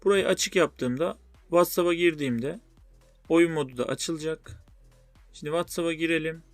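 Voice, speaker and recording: A man's voice: a little high, normal speed, no room sound. A man hosting a spoken phone tutorial, explaining things step by step. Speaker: tutorial host. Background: music.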